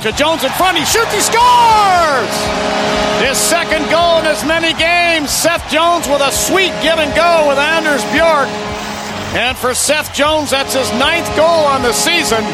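Male hockey announcer. Rapid play-by-play, very high voice, big shouted drawn-out calls, over loud music. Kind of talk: live sports commentary. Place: sports broadcast booth at an arena.

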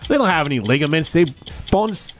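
A man's voice: fairly high pitch, expressive, fairly quick, faint music behind. A man in his forties co-hosting a radio show, chatting casually and teasing his co-hosts. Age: 40s. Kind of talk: casual sports radio banter.

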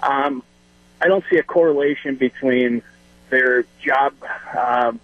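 Man, radio show caller, tinny phone line, dry, slightly high pitch, hesitant. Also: slow, no echo. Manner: hesitant, with frequent ums and restarts. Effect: phone line on a radio call-in show. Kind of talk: casual call-in opinion. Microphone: telephone.

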